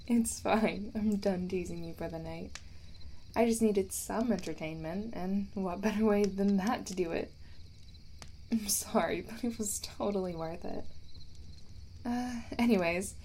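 A young woman voicing a playful camping companion who talks straight to the listener. She teases, giggles, and drops into a hushed voice to tell a ghost story. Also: mid-range voice, slight background noise. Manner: teasing, breaks into giggles. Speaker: voice actor in a listener roleplay. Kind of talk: first-person audio roleplay addressed to the listener.

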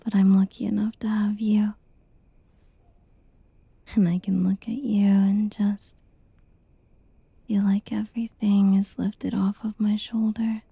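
A woman whispering a tender, reassuring girlfriend roleplay in a soft, soothing ASMR style. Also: medium pitch, flat delivery, slow, creaky, long pauses, breathy edge, no echo, dull audio.

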